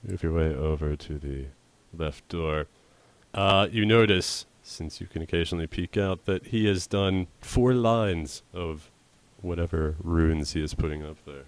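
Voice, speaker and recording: A man's voice: low voice, a little slow, no echo. A man acting as game master, narrating a tabletop game in a casual manner. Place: indoors at a game table on an online call.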